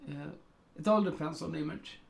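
Brisk and creaky, a slightly high male voice leads a casual screen-recorded photo editing tutorial. The speaker is a middle-aged Swedish man with a Swedish accent who thinks aloud at his computer, peppering it with ums and uhs.

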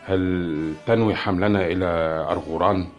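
A man's voice: deep voice, steady tone, fairly quick, soft background music, natural voice. Man doing a defiant young hero. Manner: tense and defiant.

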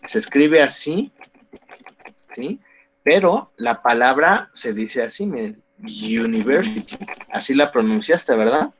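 A man's voice: mid-range voice, lively intonation, unhurried, fairly bright tone, a little hiss or hum, low-quality recording. A man teaching a beginner English class, patiently correcting pronunciation and encouraging his students.

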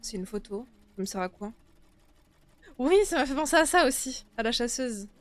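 A young woman with a slightly high voice comments live as she plays a horror game. She talks casually to her viewers, in informal language with some swearing. She speaks into a close microphone in a small room. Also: lively intonation, normal speed, no echo. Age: young adult. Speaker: game streamer. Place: small indoor streaming room. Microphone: close desktop streaming microphone.

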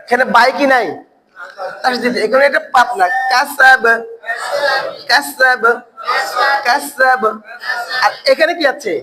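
A man's voice: extremely high pitch, unhurried, long pauses, bright, forceful tone, a faint crowd, a little hiss or hum, poor audio. A man teaching an online Quran recitation class. He asks the learners questions, answers them himself and repeats words over and over to drill the pronunciation.

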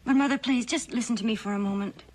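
A woman's voice: on the high side, quick pace, a little mellow, natural voice. An actress playing an earnest young woman in a TV western, pleading with her mother. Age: young adult. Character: timid young daughter, pleading and doubtful. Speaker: daughter. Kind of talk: 1960s TV western acting.

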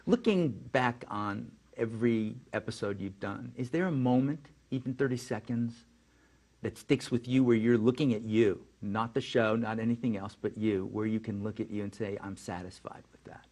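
A man's voice: on the low side, normal speed, darkish tone. A man hosting an interview show, asking questions in a playful, teasing way. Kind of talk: casual interview talk.

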